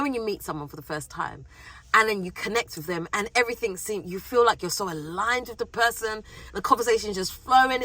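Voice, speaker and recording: A woman's voice: medium pitch, low-quality recording. A woman from the UK with a British accent, chatting casually to camera from a parked car, a little under the weather with a cold. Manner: chatty, animated, acts out quoted voices. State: has a cold. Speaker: vlogger. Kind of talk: casual vlog talk to camera. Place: parked car in a parking lot.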